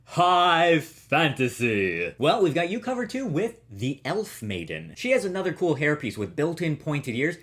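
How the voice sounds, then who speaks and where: Man, toy review host, jokey asides, lively up-and-down voice. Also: a little high, moderate pace, few pauses. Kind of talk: scripted review commentary.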